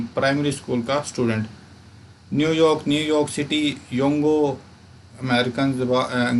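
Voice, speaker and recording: Man, mid-pitched, patient teacher repeating words, light hiss behind. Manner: explains slowly, repeats words aloud. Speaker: language teacher. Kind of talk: casual explanatory lesson.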